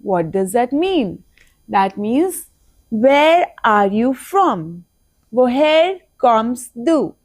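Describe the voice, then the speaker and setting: A woman from India, teaching a language lesson and slowly repeating each phrase twice. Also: fairly high pitch, big pitch swings, dry recording. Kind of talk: slow spoken language lesson.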